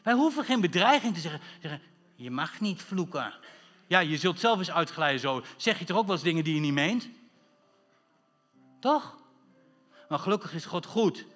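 High-voiced man preaching in a hall. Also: animated, a bit bright, soft background music. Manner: emphatic preaching with rhetorical questions, slowing for stress. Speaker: pastor. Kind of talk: sermon.

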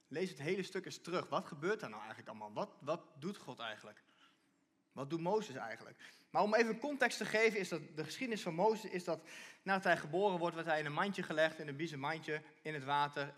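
Male preacher, somewhat high voice, animated sermon delivery with restarts. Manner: animated, repeats and restarts, reads scripture aloud.

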